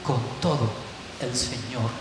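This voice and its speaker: A man preaching a sermon as pastor, telling a story, swinging from hushed passages to loud ones. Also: mid-range voice, steady tone, slow pace. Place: church. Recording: echoey church hall with faint hiss.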